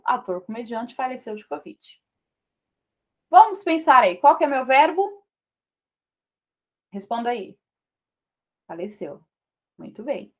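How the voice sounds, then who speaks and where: A Brazilian woman teaching an online Portuguese grammar lesson, explaining in a lively way and checking in with short tag questions. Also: a little high.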